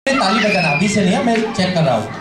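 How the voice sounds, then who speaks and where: A man working as a children's party magician, giving playful, teasing live show patter, coaxing children with questions and repeated instructions, projecting loudly to the room. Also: high-pitched, big pitch swings, fast talker. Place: large echoey indoor party hall. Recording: echoey hall from afar, loud party crowd noise.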